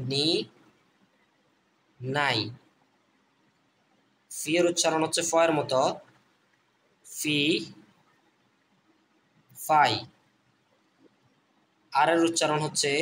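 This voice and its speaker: A man with a slightly high voice gives a phonics lesson. He sounds out letters one by one and repeats them patiently, speaking to the viewers as friends. A faint hiss sits under his voice. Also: fairly bright tone. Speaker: online teacher.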